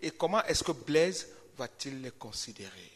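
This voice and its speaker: A man's voice: mid-range voice, very animated, moderate pace, fairly bright tone, slightly rough. A male pastor preaching a sermon, repeating his points emphatically and using caricatured animal stories. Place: church. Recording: reverberant church hall.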